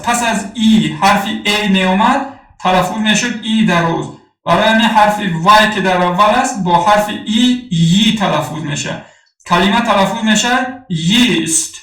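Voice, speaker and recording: A man with a Tajik accent giving a phonetics lesson, slowly and deliberately drilling the pronunciation of each word. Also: sits high, bright, forceful tone. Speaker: language teacher. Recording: echoey room, mic far off, faint music.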